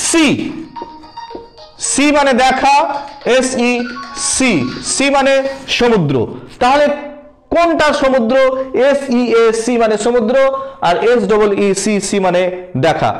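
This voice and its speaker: Man, high pitch, grammar teacher, repetitive, spells words out, calls viewers friends. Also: faint music behind, poor audio. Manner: repetitive, spells words out letter by letter, slow deliberate emphasis. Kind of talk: spoken lesson explaining word meanings.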